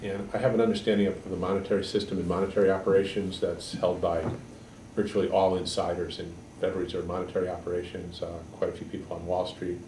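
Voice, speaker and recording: A man in his sixties from Connecticut, a political candidate giving halting, measured answers in an editorial board interview. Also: deep voice, level tone, darkish tone. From Connecticut, USA. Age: 60s. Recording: echoey room, mic far off, background noise.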